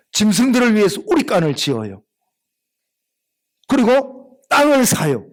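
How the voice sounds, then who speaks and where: A male pastor with a Gyeongsang accent preaching a sermon in a church, telling the story with lively acted-out lines. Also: a little high. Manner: animated storytelling, acts out biblical characters' lines. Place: church sanctuary.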